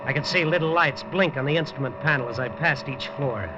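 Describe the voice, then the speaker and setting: An actor in a 1950s radio drama narrates as a hard-boiled male newspaperman, terse and dry with wisecracks. His natural voice is fairly high-pitched and a little fast. Background noise sits under a dull old broadcast sound.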